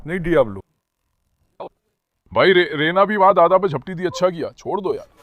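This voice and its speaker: A man films his dogs, alternating between chatty commentary to viewers and soothing words to calm the animals. His high, dry voice is fairly quick, with no echo.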